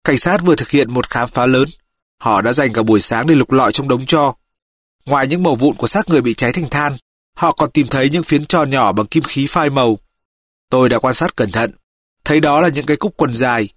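A man as a calm, methodical detective. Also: medium pitch, no echo, clean studio sound, natural voice. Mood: measured. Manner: steady, measured reporting. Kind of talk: audiobook reading.

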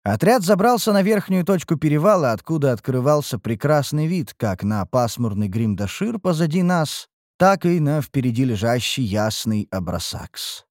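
A man narrating a fantasy audiobook in the first person, expressive and storytelling. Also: mid-range voice, normal speed, no room sound, studio quality.

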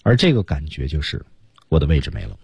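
Low dark husky guy teaching english on the radio, super expressive, dry studio sound. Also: fast talker, dry recording, dull audio. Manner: lively explaining, acts out English lines. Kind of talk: explaining lesson on radio.

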